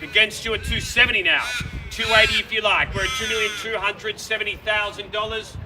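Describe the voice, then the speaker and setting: A man with a high voice runs a live street auction, projecting emphatically and repeating the bids. He is picked up from a distance, with clear street noise around him. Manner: projected, emphatic, repetitive bid calling. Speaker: property auctioneer. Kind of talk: live auction calling to a crowd. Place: outdoors in a residential street. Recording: distant mic, noisy street with vehicles.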